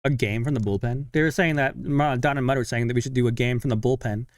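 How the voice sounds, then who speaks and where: A man's voice: medium pitch, dry recording. A young man chatting casually on a live stream while following a game, talking to himself and his viewers. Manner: chatty, self-talking, sighs of frustration and quick laughs.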